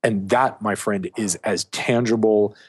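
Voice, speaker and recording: A male coach with a breathy, husky edge and a lowish voice. He talks in an easygoing, candid way, telling stories with blunt language. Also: a little slow. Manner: candid, animated storytelling with frank language. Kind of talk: casual podcast conversation.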